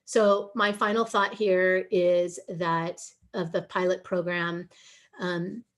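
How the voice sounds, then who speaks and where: A woman's voice: on the low side, fairly even intonation, slow. A woman giving an earnest, pleading webinar presentation over a video call. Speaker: guest speaker on a webinar. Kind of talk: emotional presentation.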